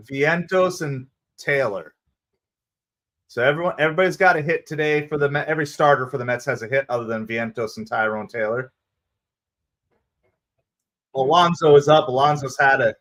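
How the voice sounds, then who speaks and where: A man with a New Jersey accent calls a ballgame live for his fan stream from a home green-screen setup. His voice sits a little high, and he jumps between play-by-play and thanking viewers by name. His delivery is casual and excitable. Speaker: livestream host.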